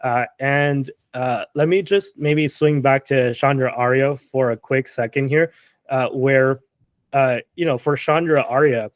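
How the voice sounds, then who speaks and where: A man's voice: mid-range voice, fairly even intonation, measured pace, dry recording. A man co-hosting a podcast, talking casually about politics and rambling with lots of fillers and restarts. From Canada. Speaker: podcast co-host.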